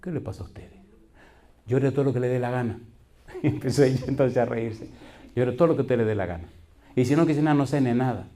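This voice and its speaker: This middle-aged pastor delivers his sermon briskly in a warm, mid-range voice. He questions the congregation in call-and-response fashion and tells folksy tales, voicing the characters he quotes.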